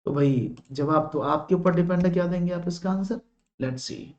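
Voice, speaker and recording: A man's voice: high-pitched, normal speed. A male maths teacher from India leading a live online exam-prep class, praising answers and explaining each step patiently. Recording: roomy, dull lo-fi sound.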